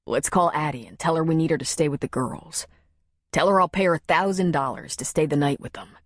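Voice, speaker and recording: A woman's voice: low-pitched, a little fast, dry recording, studio quality. Tom, a woman voicing a lovesick ex-marine man. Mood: tender, pleading.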